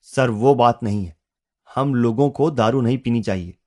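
A man's voice: medium pitch, a little mellow, natural voice. A man voicing a shy, polite young delivery man who talks earnestly and in a rush. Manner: timid, earnest, rushed in one breath.

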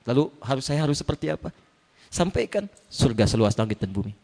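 A man's voice: fast, creaky. A man preaching a sermon, telling stories and acting out the dialogue with big swings in his voice. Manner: animated storytelling, acts out dialogue with big pitch swings. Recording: reverberant hall.

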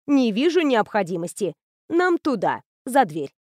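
A woman voicing a calm, dignified older woman professor who speaks in a measured, gentle, authoritative way. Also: on the high side, no room sound, clean studio sound. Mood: firm.

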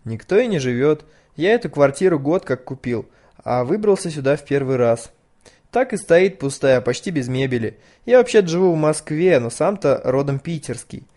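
A man voicing a soothing, unhurried old man who talks in a measured, homely way. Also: on the high side, expressive, mellow, natural voice. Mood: cozy.

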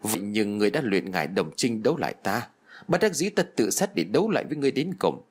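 Man reading as a vengeful woman ghost, husky and accusing, pitch rising and falling a lot. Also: very animated, fast. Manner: cold accusing speech. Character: vengeful female ghost, cursing her killers.

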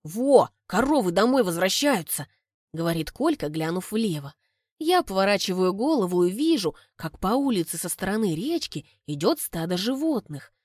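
A woman narrating a first-person audiobook in a lively, ironic storytelling manner, recorded on a close studio mic. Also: mid-range voice, normal speed, no room sound.

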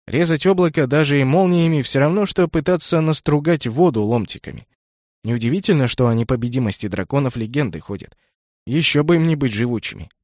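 A man narrating a fantasy audiobook in a measured, even reading. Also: on the high side, dry recording. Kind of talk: scripted narration. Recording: dry close studio sound.

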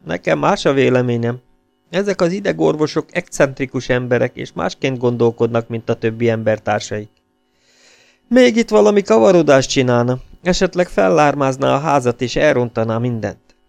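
An excitable, grumbling prince, read by a man who frets and argues in an agitated way. The voice is gravelly and close. Soft music plays in the background. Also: medium pitch, dry recording, voice pushed up.

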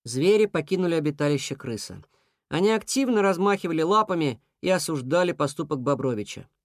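An expressive storyteller reads a children's fairy tale with a lively, rising and falling voice. The recording is close and dry, with no room sound. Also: medium pitch, a little fast, no room sound. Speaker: audiobook narrator.

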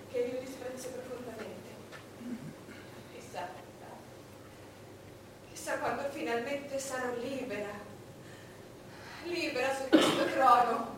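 Imperious high-pitched Queen Elizabeth I, echoing stage. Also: noisy background. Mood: weary, bitter. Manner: declamatory, drawn-out, scornful, swinging from brooding to cackling. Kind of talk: theatrical stage monologue. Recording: echoey, distant stage recording with music.

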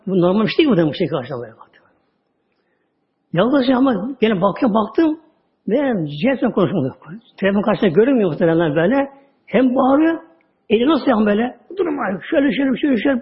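A man giving a religious talk, telling stories with drawn-out words and sudden drops to a low voice. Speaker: religious teacher. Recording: dull lo-fi audio recording.

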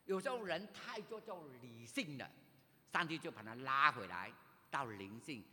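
An older male pastor from Malaysia, telling his own story in a sermon, animated, with sudden loud rises. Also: mid-range voice, moderate pace. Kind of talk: sermon, personal testimony. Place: church sanctuary. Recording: reverberant church hall.

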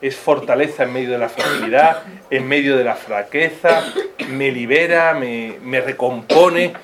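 A man's voice: mid-range voice, measured pace. A man with a Spanish accent teaching a religious class informally, full of rhetorical questions and acted-out voices. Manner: animated, asks many rhetorical questions, acts out quoted voices. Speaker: catechist.

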